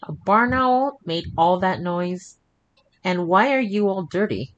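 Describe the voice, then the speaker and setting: A man with a very deep voice voicing his teasing, skeptical wife in a high, drawn-out voice during a spoken horror story. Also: animated, a bit bright, lo-fi sound, exaggerated voice. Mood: suspicious. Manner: taunting, slow and drawn out.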